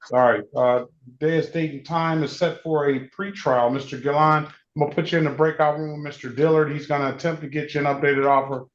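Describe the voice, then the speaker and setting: A man presiding as judge in a courtroom reads case calls and gives procedural instructions matter-of-factly, repeating key points. His voice is a little high, steady in tone, and fairly quick. The courtroom audio is dull and lo-fi, with a faint hiss.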